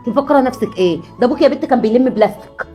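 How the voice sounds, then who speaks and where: A woman's voice: fairly high pitch, expressive, very fast, warm tone, soft background music, close to an everyday voice. An actress playing a cruel, scornful middle-aged mother-in-law in a sketch, speaking with an Egyptian accent. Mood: spiteful. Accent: Egyptian Arabic. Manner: harsh, scornful, insulting. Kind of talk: comedy sketch acting.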